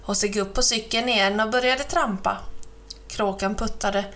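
A woman reading a children's storybook aloud in a lively, expressive way. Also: medium pitch. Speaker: reader.

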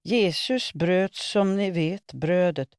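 A woman's voice: lowish voice, darkish tone, clean tone, no room sound, clean studio sound, voice pushed up, close to an everyday voice. A woman reading a humorous column, voicing a preachy male priest talking about bread. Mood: solemn.

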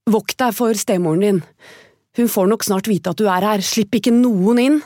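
A woman's voice: mid-range voice, mellow, dry recording, clean studio sound, close to an everyday voice. A woman reading a storybook aloud, voicing a band of small kindly male dwarfs who work as miners, in an eager, pleading way. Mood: warning.

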